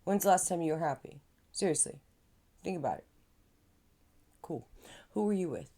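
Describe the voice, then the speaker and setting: A woman's voice: fairly low pitch, expressive, normal speed, warm tone. A woman giving rambling, slangy self-help advice in a casual vlog, chatty and full of asides. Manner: rambling and slangy, says man and dude; chatty with frequent fillers and laughs. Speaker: vlogger.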